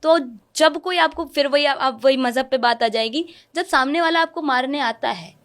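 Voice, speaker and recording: High-voiced woman arguing assertively. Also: a bit bright. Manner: assertive, argues back fast, interrupts. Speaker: guest activist. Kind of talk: heated debate interview.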